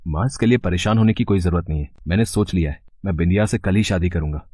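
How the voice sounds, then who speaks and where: A man's voice: sits low, fast, dark tone, no room sound. A man voicing an upright young village man in a cartoon story, firm and earnest.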